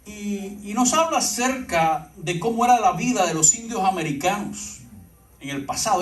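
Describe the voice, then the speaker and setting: Cuban male pastor, earnest sermon delivery, recorded from afar in a reverberant room. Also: sits high. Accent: Cuban Spanish. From Cuba. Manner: earnest, storytelling, drops to a hushed tone for emphasis. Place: church sanctuary. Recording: roomy church sound from a distant mic.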